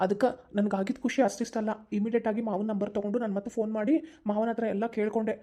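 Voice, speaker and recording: Woman as cartoon young son, North Karnataka accent, quick pleading delivery, dark mellow tone. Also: mid-range voice, little pitch movement, lightly acted. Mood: earnest. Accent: North Karnataka Kannada. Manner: pleading, determined, talks fast. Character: earnest young man, devoted son and brother. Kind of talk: cartoon voice acting.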